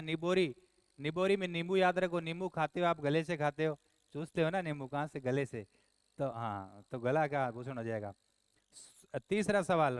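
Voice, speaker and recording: A man from Rajasthan teaching an exam answer walkthrough, brisk, quizzing his listeners and scolding them in asides. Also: fairly high pitch, clear, resonant tone, no room sound.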